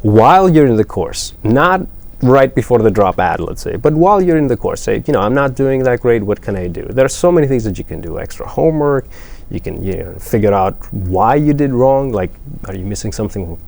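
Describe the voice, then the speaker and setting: Man with a Greek accent, mid-pitched, math professor; unhurried, advising interview answers with fillers. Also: big pitch swings, creaky, darkish tone. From Greece. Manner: thoughtful, advising, with many fillers.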